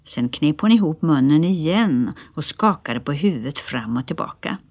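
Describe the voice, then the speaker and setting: A woman narrating a children's storybook in lively first-person voice, as one of the children. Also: low voice, creaky, no room sound. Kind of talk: storybook reading.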